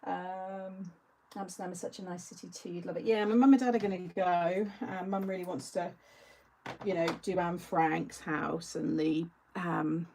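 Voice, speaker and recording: A woman hosting a cosy craft-along talks in a warm, mellow voice with a gravelly edge. She chats casually and answers viewer comments between craft steps. There is a faint hiss behind her. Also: on the low side, fairly even intonation, normal speed, rough recording. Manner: chatty, reads viewer comments aloud and answers them. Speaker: craft show host.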